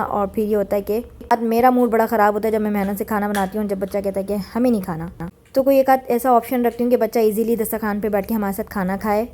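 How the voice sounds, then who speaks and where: A woman's voice: a little high, warm tone, a little hiss or hum. Woman in her thirties, cooking vlogger voice-over, chatty and homely, mixes in English words. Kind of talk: casual voice-over narration. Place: home kitchen.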